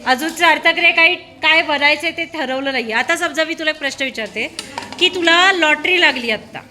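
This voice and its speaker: A woman with a high, bright voice questions a room of schoolchildren in casual chat. She coaxes and prods, asking the same thing again until they answer. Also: a little fast. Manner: prodding, coaxing with repeated questions.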